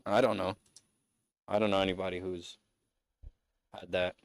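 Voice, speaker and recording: A man's voice: sits low, flat delivery, moderate pace, dry recording. A man co-hosting a podcast in casual chat, laid-back and full of slang. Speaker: podcast co-host.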